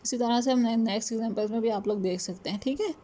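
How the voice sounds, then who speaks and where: A woman teaching a class on punctuation. She mixes Hindi and English, reads the English examples slowly and checks in often. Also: a little high, warm tone. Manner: adds "ठीक है" after points. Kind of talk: lecture on punctuation.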